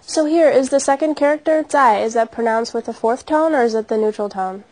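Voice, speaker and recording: A woman co-hosting a language lesson, repeating words crisply for learners and asking about tones. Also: on the high side, brisk, darkish tone. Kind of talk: modeling pronunciation.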